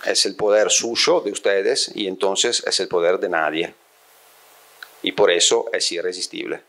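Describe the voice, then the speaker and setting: This is a live, university-style lecture by a middle-aged man originally from Italy, delivered into a handheld microphone held near his mouth in a small bookshelf-lined room. His very low voice stays steady in tone and a bit bright. He thinks aloud, regularly asking the seated listeners if they follow.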